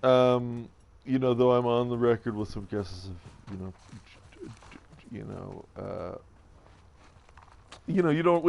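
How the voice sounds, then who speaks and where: A man's voice: mid-range voice, vocal fry, darkish tone, muffled recording. A man streaming a video game, rambling and joking about whatever comes to mind with self-mocking asides. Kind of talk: casual let's-play commentary.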